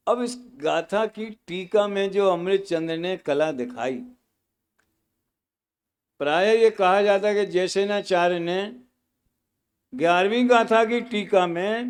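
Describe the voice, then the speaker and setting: A man's voice: high voice, clear, resonant tone. A man teaching scripture at a study camp, explaining terms patiently with homely examples and repeating key words.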